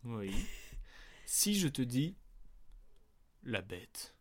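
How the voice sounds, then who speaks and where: Speaking very slowly with a medium-pitched voice, this podcast host quizzes on movies in a relaxed, playful chat. He ribs his co-host with jokes, and his tone shifts in lively swings.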